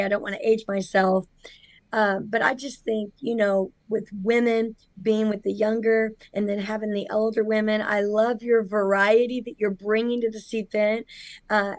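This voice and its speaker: A woman's voice: medium pitch, dry recording. Southern-accented woman minister, dry sound. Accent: Southern American. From Missouri. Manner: earnest, unhurried, frequent fillers. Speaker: minister and conference speaker. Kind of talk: casual chat.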